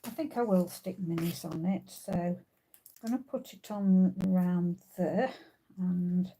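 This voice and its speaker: A woman's voice: on the low side, steady tone, slow, dark tone, a little hiss or hum. A woman hosting a craft tutorial, thinking aloud as she works, with frequent ums and uhs. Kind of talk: casual crafting demonstration.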